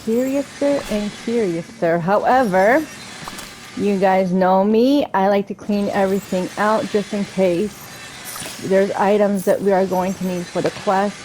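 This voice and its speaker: In this let's play, a woman talks through her game informally and reads the quest text aloud over video game music. She speaks a little slowly in a steady, mid-range, slightly mellow voice, and the rough recording carries some hiss or hum.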